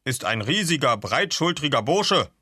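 A man's voice: mid-range voice, big pitch swings, moderate pace, sharp tone, husky, dry recording, clean studio sound, pitched above the performer's own voice, exaggerated voice. A man reading aloud and voicing a jovial, scheming male ship's officer who chuckles and snaps. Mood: scornful. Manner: chuckling, snappish.

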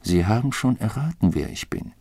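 A man voicing a scheming male detective who presses his case in a hushed, conspiratorial way, in a husky, dry reading. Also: lowish voice, sing-song, normal speed, no room sound, heavily acted. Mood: insistent. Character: scheming insistent male police detective, adult.

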